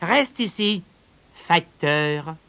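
A man's voice: a little high, lively intonation, extremely slow, bright, forceful tone, heavily acted. A man voicing a male reindeer in a storybook, plaintive and speaking with grandeur. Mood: lordly. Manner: plaintive, then lordly.

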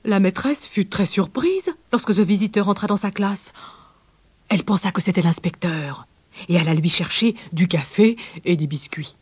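Expressive woman narrating a children's story. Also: mid-range voice, normal speed, husky, no room sound. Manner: gentle, expressive read-aloud.

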